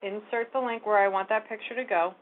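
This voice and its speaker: A woman walks through a website task on a screen recording, explaining each step in a casual, running way. Her voice sits at an ordinary pitch for a woman. The sound is thin and narrow, like a phone line. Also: steady tone, a little fast. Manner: casual step-by-step explaining, talks while clicking. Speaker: real estate tech trainer. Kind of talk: screen-share software tutorial. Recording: phone-like narrow band audio.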